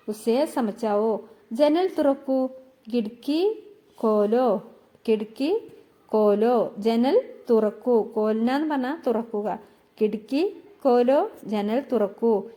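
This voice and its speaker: A woman teaching phrases in a spoken-language lesson, saying each phrase slowly, repeating it and explaining it. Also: fairly high pitch, dark tone.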